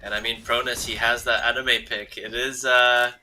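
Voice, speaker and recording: Bright, excitable male esports caster. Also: mid-range voice, normal speed, poor audio. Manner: excitable, rising to yells at big plays. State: losing his voice. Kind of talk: live game commentary.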